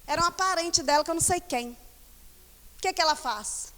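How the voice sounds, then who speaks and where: Woman pastor, Brazilian accent, high-pitched, animated sermon, reverberant church hall. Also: fairly quick. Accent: Brazilian Portuguese. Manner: animated storytelling, scolding the congregation.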